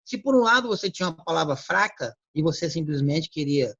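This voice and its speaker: A man giving a motivational talk on word choice, acting out quick everyday exchanges. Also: on the high side, expressive, fairly bright tone, husky, dry recording. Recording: dull lo-fi recording.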